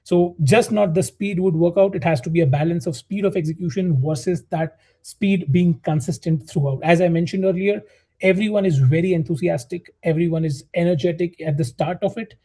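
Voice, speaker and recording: A man's voice: high voice, a little fast, mellow, breathy edge. A man presenting a business webinar as strategy director, speaking hesitantly with many fillers and restarts.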